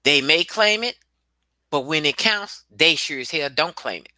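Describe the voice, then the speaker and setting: Brief: forceful woman host, lower voice, bright and dry, hammers her points home. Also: expressive, measured pace, no room sound. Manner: emphatic, blunt, with swearing and repetition. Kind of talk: casual discussion.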